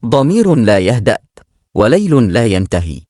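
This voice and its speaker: A man's voice: mid-range voice, very animated, normal speed, dark tone, dry recording, studio quality. A man voicing a remorseful, dying middle-aged woman in a read-aloud story, confessing in sorrow. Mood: regretful.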